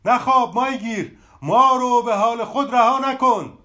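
A man's voice: very high voice, sharp tone, pitched above the performer's own voice. A man voicing a talking tree in a storybook, pleading in a raised voice. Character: old talking tree, worried then calm.

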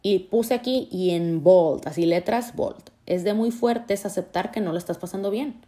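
A woman with a Mexican accent talking casually to her viewers about feelings, lively acting out the thoughts she quotes. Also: mid-range voice, moderate pace. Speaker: vlogger. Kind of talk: casual talk to camera about emotions.

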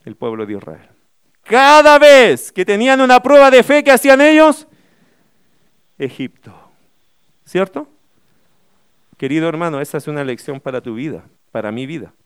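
Emphatic high-voiced pastor. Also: male voice, wildly swooping pitch, moderate pace, long pauses, clear, resonant tone, no room sound, clean studio sound. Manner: emphatic preaching with rhetorical questions. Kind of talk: sermon.

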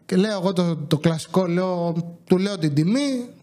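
A man hosting a podcast, telling exasperated comic stories from his supermarket job and acting out the dialogue. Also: sits high. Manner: animated, exasperated, acts out dialogue. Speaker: podcast host, supermarket worker. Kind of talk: comedic storytelling.

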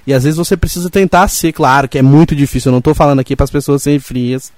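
Male podcast host, rapid and candid, a bit high-pitched, dry close mic. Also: fairly even intonation, darkish tone, no room sound. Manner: rambling, candid, swears casually. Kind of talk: casual podcast talk.

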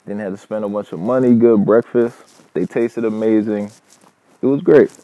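Low-voiced man telling a rambling story. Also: fairly even intonation, normal speed, dry recording. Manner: loose, profanity-heavy, filler-laden talk. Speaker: truck driver. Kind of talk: casual personal storytelling. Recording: dull, dry lo-fi recording.

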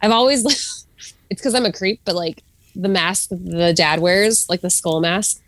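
A woman co-hosts a podcast in loose, casual chat, laughing often and using many fillers. Her voice is on the low side and a little slow, with no echo.

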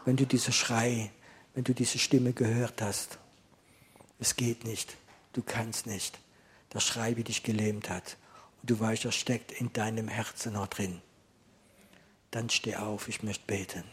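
A man preaching an intense charismatic sermon, sometimes hushed and sometimes commanding, with repeated rebukes and prayers. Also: lowish voice, level tone, unhurried, pauses often, husky.

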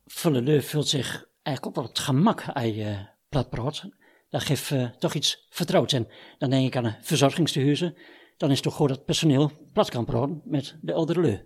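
A man with a Twente Dutch accent leads a conversational interview. His voice sits at a medium pitch and has a noticeably husky, rough grain. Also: moderate pace.

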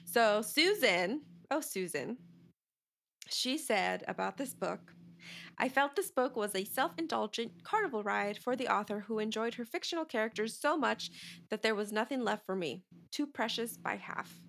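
A woman co-hosting a casual book podcast, reading reviews aloud in a relaxed way. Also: on the high side, normal speed, vocal fry, a little hiss or hum. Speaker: podcast co-host.

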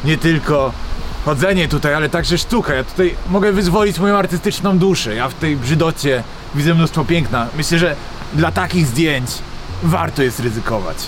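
A man's voice: a little high, lively intonation, normal speed, a little hiss or hum, natural voice. A man playing a solemn, self-serious urban explorer with artistic pretensions, as if interviewed for a parody documentary. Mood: dreamy, pompous. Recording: roomy echo, loud music behind.

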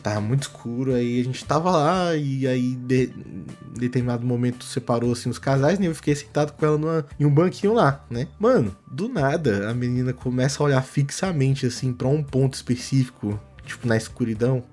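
A man's voice: medium pitch, a little fast, few pauses, darkish tone, faint music behind. A young man from Brazil, telling a long personal story in a rambling, casual way on a podcast. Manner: rambling, fillers like "mano" and "tá ligado". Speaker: podcast co-host.

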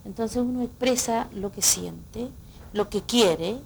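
A woman's voice: mid-range voice, slow, vocal fry, slight background noise. A woman, a guest singer in a radio interview, explaining in a reflective way and often checking in with the listener. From Chile. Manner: explanatory, reflective, frequent "¿no?" tags.

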